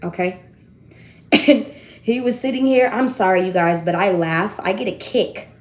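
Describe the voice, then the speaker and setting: A woman reads tarot cards for her viewers in a loose, chatty way, breaking into laughter and swearing freely. Her voice sits at a middle pitch. The room around her sounds echoey. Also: moderate pace. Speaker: tarot reader. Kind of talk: casual tarot reading to viewers. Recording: roomy echo.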